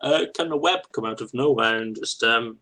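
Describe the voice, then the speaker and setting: A man taking part as a player in a casual tabletop game, slow and often laughing. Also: medium pitch, pushed and bright.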